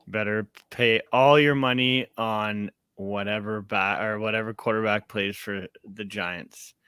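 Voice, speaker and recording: A man's voice: lowish voice, fairly even intonation, a little slow, pushed and bright, clean tone, dry recording, clean studio sound. A young man hosting a casual sports podcast, upbeat and rambling with plenty of fillers. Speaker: podcast host.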